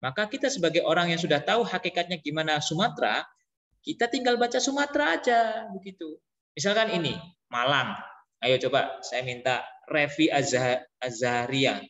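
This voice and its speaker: A man teaching an Arabic lesson to a class, chatty and relaxed, asking pupils questions and repeating phrases slowly. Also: on the high side, reverberant, long reverb tail, muffled recording. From East Java.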